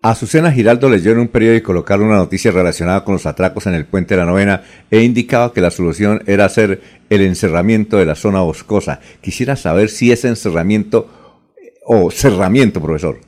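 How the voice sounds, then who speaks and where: A man's voice: lowish voice, a little fast, a little mellow. A man hosting a radio program, reading listener questions aloud and passing them to the professor. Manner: reads questions aloud, then hands off to the professor.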